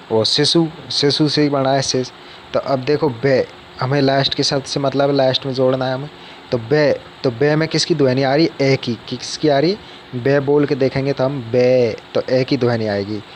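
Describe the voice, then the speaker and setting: A man's voice: medium pitch, slight background noise. A man giving a casual spoken Hindi grammar lesson, explaining step by step and often asking the viewer questions.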